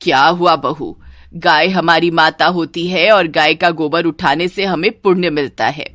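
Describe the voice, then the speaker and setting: A woman voicing a stern, scolding middle-aged mother-in-law in a cartoon story, slow and commanding. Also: deep voice, fairly even intonation, fairly bright tone, dry recording, studio quality, pitched below the performer's own voice.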